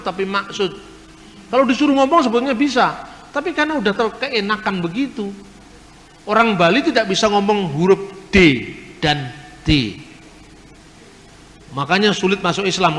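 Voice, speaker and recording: A man's voice: high-pitched, fairly bright tone. A man giving an explanatory lecture, spelling out sounds and letters one by one to make his points. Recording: long reverb of a hall.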